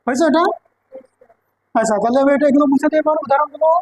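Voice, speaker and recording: A woman's voice: high voice, very fast, no room sound, rough recording. A woman with a Bengali accent teaching an English grammar class, often checking whether her students understand. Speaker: English teacher at a coaching center.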